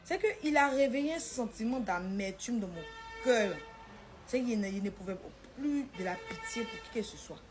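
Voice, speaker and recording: A woman's voice: on the high side, normal speed, soft background music. A woman telling her own story, acting out what people said in a shifting voice. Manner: animated, acts out the dialogue in a shifting voice. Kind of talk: personal storytelling.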